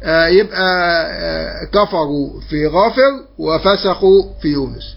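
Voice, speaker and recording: A man teaching an online Quran memorization lesson with an Egyptian Arabic accent. He asks questions and answers them himself, explaining patiently and repeating points with drawn-out fillers. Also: on the high side, creaky, breathy edge, muffled recording. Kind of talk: recorded online course lesson.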